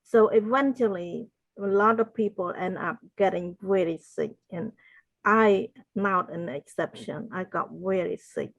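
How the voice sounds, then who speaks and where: Slow, earnest older woman from Cambodia. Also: mid-range voice, dry recording, poor audio. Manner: slow, earnest, faith-filled storytelling. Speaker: podcast guest, wellness consultant. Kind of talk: interview answers, personal testimony.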